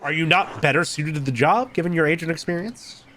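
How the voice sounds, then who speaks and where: A man voicing a curious young artist who questions a monk, pointed and probing, with a lively lift. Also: fairly high pitch, brisk, slight background noise.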